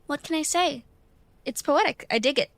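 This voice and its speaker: A woman voicing a bright, eager teenage schoolgirl who explains things like a know-it-all. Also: high-pitched, normal speed, vocal fry, no echo.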